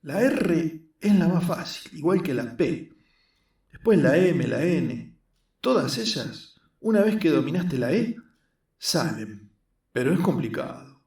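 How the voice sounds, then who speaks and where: A man's voice: big pitch swings, slow pace, a little mellow, exaggerated voice. A man voicing an earnest, skinny young man, explaining his craft patiently. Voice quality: squeaky. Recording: roomy echo, mic at a distance.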